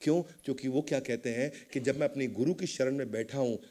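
A man giving a motivational storytelling talk, animated, dropping English phrases in. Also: mid-range voice, a little fast. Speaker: motivational speaker.

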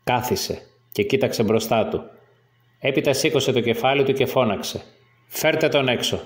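Man, story narrator, steady measured reading, mid pitch. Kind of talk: first-person story narration.

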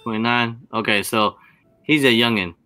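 A man chatting on a video call in a casual group conversation, animated and chatty, often jumping in with questions. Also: mid-range voice, normal speed, soft background music.

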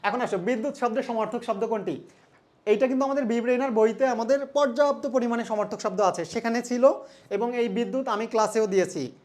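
A man's voice: very high voice, fairly quick, a little mellow. A young man from Bangladesh teaching an exam solution lesson, conversational and asking his students questions. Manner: conversational, mixes English terms, asks students questions.

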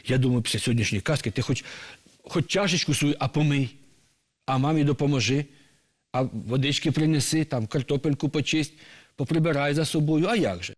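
A man telling a folk tale to children, lively and talking straight to his young listeners. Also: on the high side, fairly quick, husky. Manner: lively, talks directly to children. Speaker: storyteller for children.

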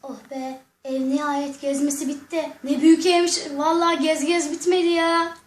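A woman's voice: high-pitched, flat delivery, moderate pace, voice pushed down, close to an everyday voice. Ken, a woman putting on a weepy doll groom. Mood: grumbling. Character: soft-hearted young man Ken, weepy groom. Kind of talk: doll play-acting.

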